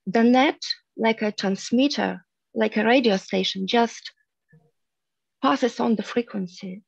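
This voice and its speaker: A woman in her thirties, from Russia, leading a spiritual guided teaching on a video call, speaking softly and earnestly with drawn-out pauses. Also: fairly high pitch, gravelly, slightly rough, no room sound. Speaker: meditation group leader. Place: room at home, indoors. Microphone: headset on a video call. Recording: muffled video call audio.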